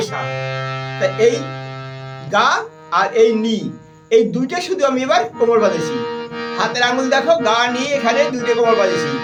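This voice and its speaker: A man's voice: very high-pitched, a bit bright, distant mic. A man with a Bengali accent teaching a harmonium and keyboard class, firmly repeating points and naming notes as he plays. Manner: firm, repetitive, stern reminders to students; names and sings note syllables while playing. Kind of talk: music lesson. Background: keyboard playing.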